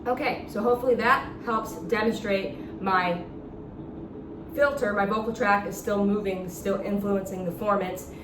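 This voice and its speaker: In an unhurried, steady mid-range voice, a woman instructor demonstrates a talk box, explaining each step informally as she goes. The mic sits far away, so the sound is echoey with background noise.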